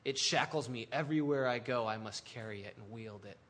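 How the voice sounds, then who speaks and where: Somber male ghost, dragging chains, low and hushed, as a preacher puts him on. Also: a little fast, close to an everyday voice. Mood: grave.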